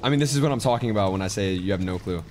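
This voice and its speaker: An eighteen-year-old man streaming a game, talking fast and swearing as he loudly protests. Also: lowish voice, a little hiss or hum. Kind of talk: casual chat while gaming.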